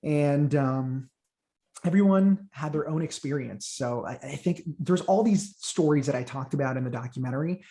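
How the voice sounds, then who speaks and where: A man's voice: fairly high pitch, normal speed, mellow. A young man from Honduras whose first language is Spanish, chatting eagerly as an interview guest and often repeating words as he starts a thought. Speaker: guest, Titanic content creator. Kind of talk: casual interview chat.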